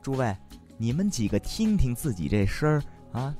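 A man from Beijing with a Beijing accent, hosting and narrating a comedy sketch in a wry, deadpan manner. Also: mid-range voice, moderate pace, soft background music. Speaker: host.

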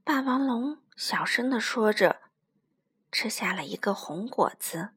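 A woman storyteller narrating a children's story in an animated, sing-song way. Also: on the high side, unhurried, husky.

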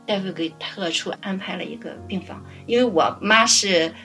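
A middle-aged woman caring for her parents, telling stories in a lively way and laughing often. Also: medium pitch, normal speed, faint music behind. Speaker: family caregiver guest. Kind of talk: casual interview storytelling.

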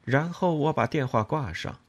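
Husky man reading a novel aloud. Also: on the high side, moderate pace. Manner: expressive, dramatic reading. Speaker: audiobook reader. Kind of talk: scripted novel narration.

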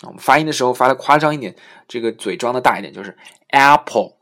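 A man hosting a casual spoken English lesson. He talks in a relaxed way with many fillers and slows down to spell out English words. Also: medium pitch. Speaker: podcast host teaching English words.

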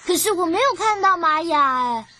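A woman's voice: very high voice, lively intonation, heavily acted. A woman voicing an eager, caring child explorer in an educational cartoon, talking straight to the viewer in a teacherly way. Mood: eager, instructive. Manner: deliberate, teacherly, addresses the viewer. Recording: loud music under the voice.

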